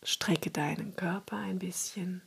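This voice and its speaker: A woman leads a guided relaxation in a soft spa whisper. Her voice is very breathy and husky, with some creak at the edges. She gives each instruction slowly and soothingly, leaving room to breathe. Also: lowish voice, fairly even intonation.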